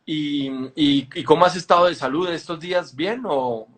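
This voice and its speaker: Male host, somewhat high-pitched, informal and halting, chatting with a guest. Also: a bit bright. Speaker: interviewer and host. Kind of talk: casual live chat interview.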